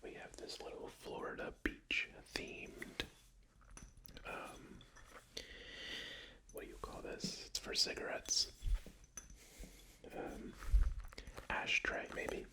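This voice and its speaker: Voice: slow, pauses often. An ASMR creator whispering casual, unscripted rambles in short phrases during a finger-tapping show-and-tell.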